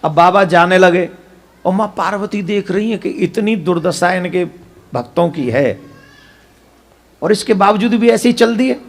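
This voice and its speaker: Emphatic high-voiced preacher. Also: male voice, measured pace, creaky, pauses often. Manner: emphatic, rhetorical questions to the audience. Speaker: katha preacher. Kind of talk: devotional katha sermon.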